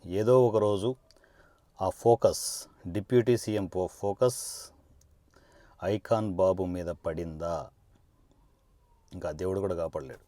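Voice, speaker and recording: A politician speaking straight to camera in a confrontational monologue, sarcastic and combative, firing one rhetorical question after another. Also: male voice, low voice, fairly even intonation, takes it slowly, pauses often, dark tone, no echo.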